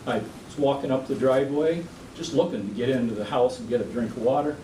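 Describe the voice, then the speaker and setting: A man's voice: mid-range voice, quick pace, warm tone. A man giving an informal podium speech to an audience, with self-deprecating humour. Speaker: club member giving a prepared speech. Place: meeting room at a podium. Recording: echoey room, distant mic, clear background noise.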